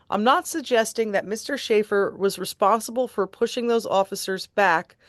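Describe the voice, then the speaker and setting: A woman's voice: a little high, no room sound. Woman reading a transcript aloud, dry. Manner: steady, deliberate reading aloud. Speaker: tribute band host reading court transcripts.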